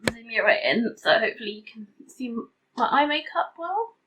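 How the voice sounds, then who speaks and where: A woman beauty vlogger rambles casually to camera, self-deprecating and animated, in a voice on the high side with a fairly bright tone and a moderate pace. The sound is slightly tinny with a little background noise, recorded in a hot room at home with the window open.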